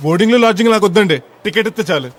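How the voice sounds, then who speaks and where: An actor playing a naive, middle-aged village man on his first flight, loud and rustic, mangling English words. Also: sits high, expressive, racing. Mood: clueless. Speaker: actor in a film comedy scene. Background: film background music.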